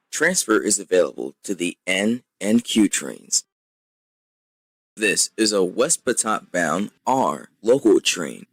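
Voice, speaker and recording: A man's slow, low announcer voice with separate words spliced together, the way automated train announcements are stitched from recordings. His pitch swings widely from one pasted word to the next, and the sound is dry and close with no room around it. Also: no echo. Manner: slow, measured stop-by-stop calls.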